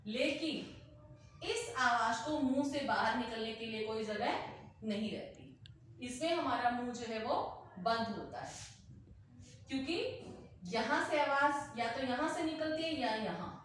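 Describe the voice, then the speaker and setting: A woman teacher explaining a grammar lesson slowly, repeating example words aloud to demonstrate. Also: fairly high pitch, lively intonation, a bit bright, a little hiss or hum. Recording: very echoey room, heard from a distance.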